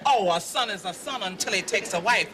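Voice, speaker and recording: A woman's voice: medium pitch, animated, a little fast, lightly acted. An actress playing a cheerful, teasing mother at a family wedding in a television drama, with a chirpy manner. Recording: party crowd chatter behind.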